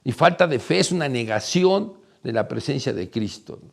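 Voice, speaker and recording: Gravelly Mexican man telling a story. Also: medium pitch, normal speed. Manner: animated storytelling, acts out the voices of others. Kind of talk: personal anecdote monologue.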